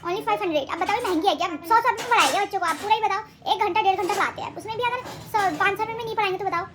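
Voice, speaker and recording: A woman's voice: very high-pitched, very fast. A young woman vlogging casually at home on a handheld phone, rambling and correcting herself as she talks. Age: young adult. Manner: rambling, chatty, self-correcting. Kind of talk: casual home vlog chat. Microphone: handheld phone camera.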